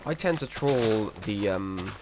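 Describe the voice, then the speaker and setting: A man with a low voice ambles slowly through casual Minecraft commentary, rambling, hesitant, and self-deprecating, in a monotone he describes himself. It's a noisy home recording.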